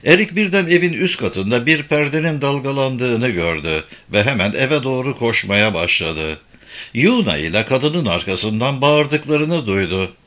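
Guy narrating an audiobook, bright voice, super animated pitch. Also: a little slow. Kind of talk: scripted narration.

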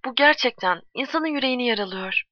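A kindly male barkeeper, voiced by a woman reading a story, soothes and coaxes his grieving friend with gentle patience. The voice sits a little high. The recording is muffled and dry, with no room sound. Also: lively intonation, quick pace, no room sound, lightly acted. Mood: coaxing. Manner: soothing, coaxing.

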